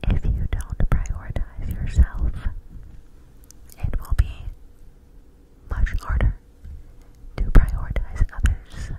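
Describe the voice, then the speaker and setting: A young adult woman gives an encouraging ASMR pep talk in a breathy whisper, repeating affirmations deliberately, very close to the microphone. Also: rough recording. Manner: slow, deliberate, repetitive, encouraging. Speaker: ASMR host. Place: small room indoors. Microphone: desktop microphone, very close with hands cupped around it.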